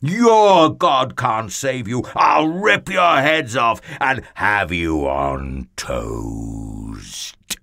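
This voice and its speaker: A man voicing a terrifying, boastful giant soldier in a children's storybook, with slow, booming, menacing and mocking shouts. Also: big pitch swings, exaggerated voice. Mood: mocking fury. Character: terrifying, bellowing, cruel giant enemy soldier, huge and boastful.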